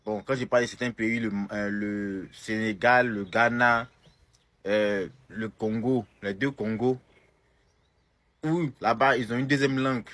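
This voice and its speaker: A man's voice: on the low side, fairly even intonation, measured pace, a bit bright, no echo. A young man with an Ivorian French accent, answering a comment in a casual video. He talks with emphasis and often repeats or restarts phrases. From Côte d'Ivoire. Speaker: content creator.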